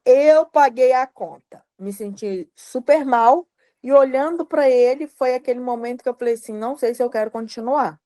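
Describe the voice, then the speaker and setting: A woman's voice: fairly high pitch, a little mellow, no echo. A woman from Brazil, telling her own story as an interview guest, talking conversationally and repeating lines as she recalls what was said. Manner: conversational, repeating phrases and reported dialogue.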